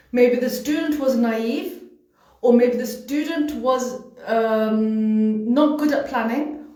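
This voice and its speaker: A woman's voice: on the high side, a little mellow. A British-born woman working as a study-abroad agent, speaking earnestly and emotionally to students on a livestream, often repeating phrases for emphasis. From United Kingdom. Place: home room. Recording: echoey room, voice far from mic.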